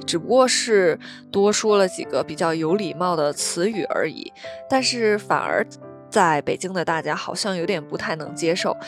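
Chatty young woman from Beijing telling stories. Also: lowish voice. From Beijing, China. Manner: chatty, acts out quoted voices. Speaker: podcast host. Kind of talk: solo storytelling podcast.

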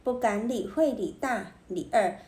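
A woman narrating a children's story in an expressive, animated way. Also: on the high side, measured pace, roomy sound.

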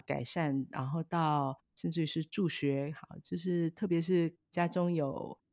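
Woman, foundation director, measured, soft "ha" tags, dry. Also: low-pitched, fairly even intonation, no room sound. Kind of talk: podcast interview.

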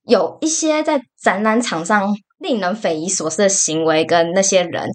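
A young woman talks with a Taiwanese Mandarin accent in a casual podcast monologue. Her voice sits at an ordinary middle pitch. She rants with animated exasperation and leans on fillers as she tells her stories. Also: normal speed. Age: young adult. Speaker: podcast co-host.

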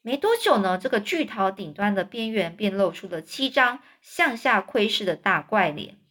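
Bright woman reading stories to kids. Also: mid-range voice, moderate pace. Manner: explains hard words along the way, lively. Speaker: storyteller for children. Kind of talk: reading a children's book aloud.

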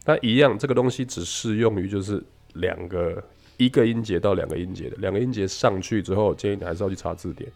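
Low gravelly-voiced male English teacher. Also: quick pace, a little mellow, faint music behind. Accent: Taiwanese Mandarin. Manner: explains with a story, mixes English words into Mandarin. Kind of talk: casual spoken English lesson.

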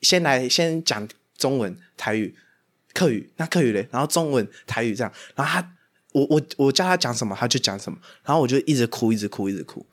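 A young man with a Taiwanese Mandarin accent, telling dream stories in a casual podcast chat, animated and often laughing. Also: medium pitch, brisk. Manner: animated storyteller, laughs a lot. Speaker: podcast host.

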